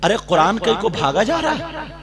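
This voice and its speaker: A man's voice: sits high, big pitch swings, normal speed, crowd noise, voice pushed up. A male preacher voicing a pushy, mocking teenage girl friend within a chanted sermon story. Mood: coaxing.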